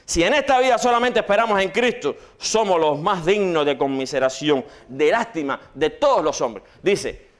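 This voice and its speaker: A man preaching a sermon in church, swinging between loud rhetorical questions and hushed quotations. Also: a little high, animated, normal speed.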